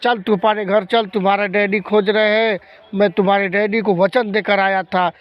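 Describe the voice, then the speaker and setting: A man's voice: high voice, level tone, normal speed, highs cut off, close to an everyday voice. A man as a commanding holy man. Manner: commanding, reassuring. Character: stern male holy man who scolds the ghost.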